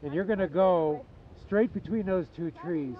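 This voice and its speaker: A man's voice: high voice, unhurried. A man giving patient step-by-step ski coaching outdoors on a slope, recorded on a helmet camera. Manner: patient, gives step-by-step tips. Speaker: ski instructor. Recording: muffled with loud wind noise. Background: wind noise.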